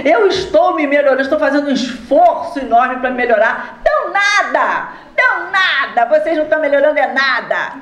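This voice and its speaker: A woman's voice: high voice, expressive, normal speed, hardly any pauses, a bit bright, voice pushed up. A Brazilian woman voicing a scornful male spirit who laughs and taunts. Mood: mocking. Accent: Brazilian Portuguese. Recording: roomy hall with faint ambience.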